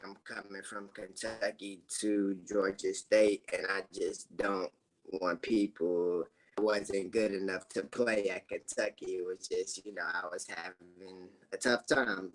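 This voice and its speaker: A young man speaking slowly in a lowish voice, taking his time with each thought. He talks as a guest in a relaxed interview, sprinkling in fillers and quiet laughs. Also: low-quality recording. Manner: relaxed and unhurried, with many fillers and soft laughs. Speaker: guest, former college basketball player. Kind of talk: casual interview talk.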